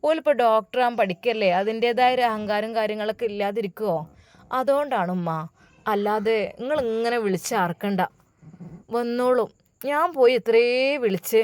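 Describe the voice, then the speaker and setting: A woman's voice: a little high, normal speed, a little mellow, no echo, lightly acted. A woman voicing a spiteful young woman who speaks in a sly, insinuating way. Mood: snide.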